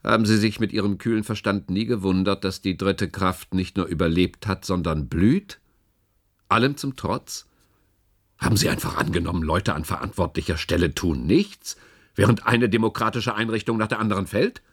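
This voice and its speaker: An actor plays a calculating, grave older department chief for a German radio play. His low, gravelly, husky male voice carries deliberate, persuasive rhetoric, and the mood is probing and insistent.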